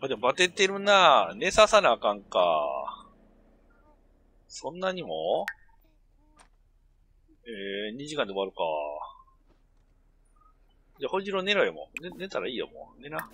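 A middle-aged man talks over a game in a loose, grumbling mutter. His pitch swings widely from low asides to sharp yelps, and his voice has a bright, tense edge. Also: huge pitch swings, unhurried, vocal fry, long pauses, breathy edge. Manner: grumbling, muttering running commentary with sudden outbursts. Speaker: gameplay commentator. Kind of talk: casual game commentary.

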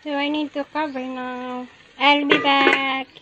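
Filmed on a handheld phone in her kitchen, a cooking vlogger from the Philippines narrates casually in a Filipino accent, tossing out plenty of "wow," "yummy," and "guys." Her high voice is flat and a little slow, and the lo-fi recording has background noise.

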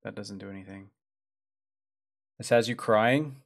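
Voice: mid-range voice, unhurried. A streamer giving casual, wry commentary while playing a game. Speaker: let's play streamer.

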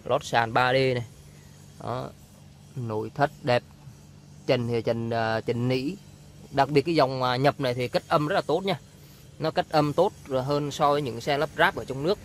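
A man presents a used car in an informal sales walkaround. His voice is medium in pitch, and he speaks haltingly, repeating words as he goes. He is recorded outdoors from behind a handheld camera, with slight street noise around him.

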